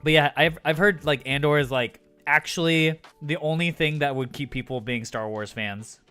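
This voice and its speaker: A man's voice: a little high, normal speed, a bit bright, clean tone, soft background music. A man livestreaming, rambling in casual chat with viewers, his throat sore from talking. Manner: rambling, filler-heavy, frequent restarts.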